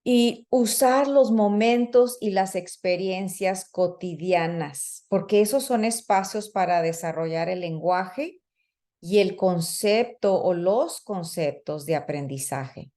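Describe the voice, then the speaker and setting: With a warm, mid-range voice, a woman takes it slowly as she leads a training talk for teachers. She's an early childhood educator and trainer, and her delivery is conversational, filled with fillers and little performances of children and teachers.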